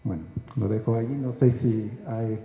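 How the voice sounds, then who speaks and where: Brief: man from Canada, panelist, very dark tone, halting with fillers, echoey hall. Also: mid-range voice, fairly even intonation. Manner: measured, many hesitant 'ah' fillers. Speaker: book author and researcher. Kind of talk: panel talk answering questions. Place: large hall at a book presentation.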